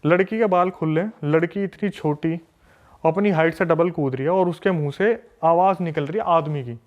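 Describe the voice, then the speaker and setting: A podcast guest, a man from a city, telling a story in an animated, emphatic way with lots of repetition. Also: fairly high pitch, normal speed. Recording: dull lo-fi recording.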